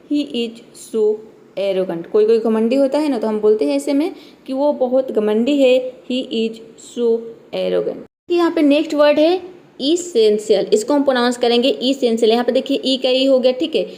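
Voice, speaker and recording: Casting: woman, slightly high voice, patient English tutor who spells words out slowly. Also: mellow. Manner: keeps repeating "theek hai". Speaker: English teacher. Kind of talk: spoken vocabulary lesson.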